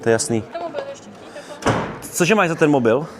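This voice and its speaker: A man's voice: fairly high pitch, lively intonation. A young man with a Czech accent streaming live in a shopping mall, joking around with fans in slangy, upbeat casual talk. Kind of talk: casual IRL livestream chat with fans. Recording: crowd and noise of a busy mall.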